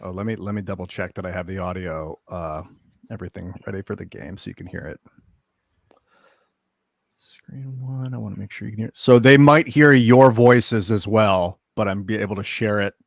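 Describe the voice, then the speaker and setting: Laid-back low-voiced man gaming live. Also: moderate pace, creaky, no echo, studio quality. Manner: relaxed, reacts out loud while playing. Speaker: guest streamer playing a game. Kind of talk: casual livestream gameplay talk.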